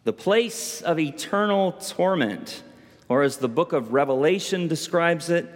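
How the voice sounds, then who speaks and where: A man preaching voices a hooded male stranger who calmly explains the underworld, with a long hall reverb. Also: fairly high pitch, unhurried. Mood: explaining. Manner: calm, explanatory. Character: hooded male stranger guiding through hell.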